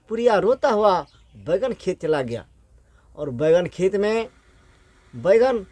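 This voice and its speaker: A man's voice: high-pitched, darkish tone, no echo. A man telling a rustic folk story in a homespun, repetitive way.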